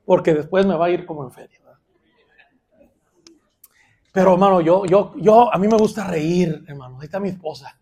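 A male pastor preaching a sermon, moving between loud, emphatic points and quiet, joking asides. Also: high-pitched, normal speed, pauses often, slightly rough.

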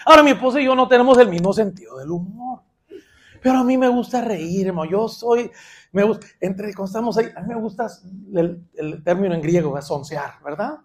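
High-voiced pastor preaching with playful asides. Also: male voice, a little fast, breathy edge. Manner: playful, swings between loud emphasis and quiet asides. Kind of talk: sermon.

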